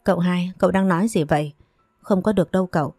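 A woman voicing a meek, long-suffering young woman who pleads gently and humbly. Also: on the low side, fast, breathy edge, no room sound, faint music behind.

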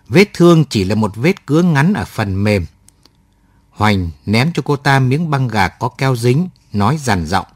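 A man's voice: medium pitch, no room sound, clean studio sound. A man narrating a first-person war story aloud in a reflective storytelling manner. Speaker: audiobook narrator.

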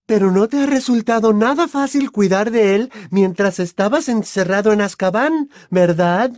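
A man reading an audiobook, voicing a fierce, shrill middle-aged witch mother who nearly shouts. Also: moderate pace, dry recording, clean studio sound, lightly acted. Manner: shrill, strained, near shouting. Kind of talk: audiobook character voice.

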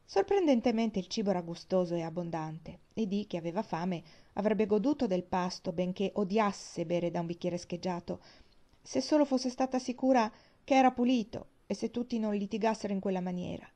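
A woman reading a novel aloud as an audiobook narrator, in a steady, unhurried manner. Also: medium pitch. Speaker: audiobook reader. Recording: dull lo-fi audiobook recording.

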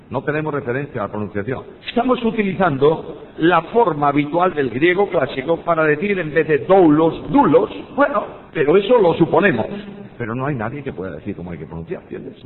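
An older Bible teacher with a Spanish accent from Spain teaches on preaching, sharing personal anecdotes. He speaks emphatically and puts rhetorical questions to his listeners. The audio is tinny and phone-like, with long hall reverb and faint rumble.

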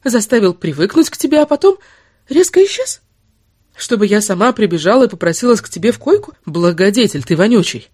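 A woman's voice: mid-range voice, big pitch swings, a little fast, husky, no room sound, studio quality, pitched above the performer's own voice. A woman voicing a furious, sarcastic young woman who hurls insults in an audiobook. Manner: shouting insults, biting sarcasm.

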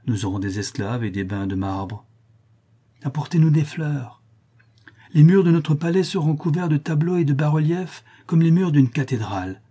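In an audiobook, a man with a mellow, husky, natural mid-range voice reads at a moderate pace as a young male disciple of an alchemist. He plays the character as fervent and greedy, eager and pleading in a feverish way.

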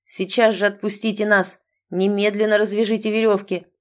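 A woman voicing a young male captive who speaks in sharp, indignant demands. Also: medium pitch, level tone, moderate pace, lightly acted.

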